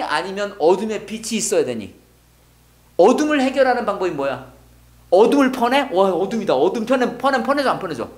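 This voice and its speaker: Lively teacher drilling pronunciation. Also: mid-range voice. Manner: lively, asks and answers own questions. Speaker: English teacher. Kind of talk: worship-song English lesson.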